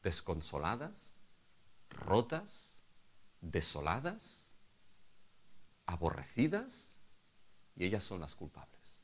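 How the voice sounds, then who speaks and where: Male pastor, dramatic sermon delivery, lively pitch swings, hushed to loud. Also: slow pace, long pauses, breathy edge.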